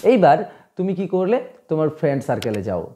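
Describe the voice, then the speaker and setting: A man's voice: a little high, sing-song, brisk, warm tone, a little hiss or hum. A man teaching English in a video lesson, emphatic and full of rhetorical questions, slipping English phrases into his talk.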